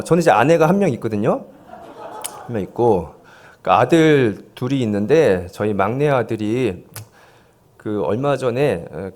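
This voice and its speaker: A lively, joking pastor man. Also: fairly low pitch. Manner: joking, coaxing the congregation, self-deprecating asides. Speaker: pastor leading a volunteer seminar. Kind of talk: playful sermon with audience games. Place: church sanctuary, speaking from the pulpit. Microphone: handheld microphone.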